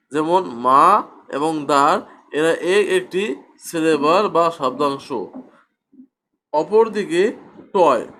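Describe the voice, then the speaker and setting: A man's voice: fairly high pitch, fairly bright tone. A man teaching a grammar lesson, asking his own questions and answering them. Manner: repeats questions and answers them himself, slow and deliberate.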